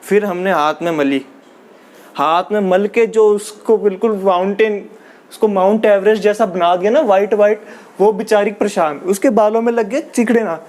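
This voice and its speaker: A man's voice: high-pitched, moderate pace, a little mellow. A young man doing casual stand-up storytelling as a comedian, chatty and laughing through his own lines. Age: young adult.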